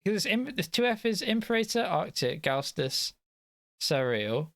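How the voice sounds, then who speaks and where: A man's voice: sits high, very animated, unhurried, a bit bright, no room sound, clean studio sound. A man with a modern British accent, broadly RP, casually talking through a live draw as he hosts it. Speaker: host running the live draw. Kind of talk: casual live stream chat.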